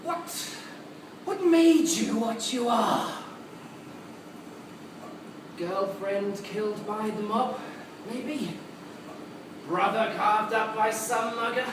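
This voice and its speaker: A man's voice: high-pitched, drawn-out words, pauses often. A man playing a mad, theatrical supervillain clown in a dramatic, mocking stage monologue. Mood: taunting. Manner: theatrical, mocking, dragging out words for emphasis. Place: large cinema auditorium. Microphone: distant recorder in the room. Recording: echoey, noisy hall recorded from far off.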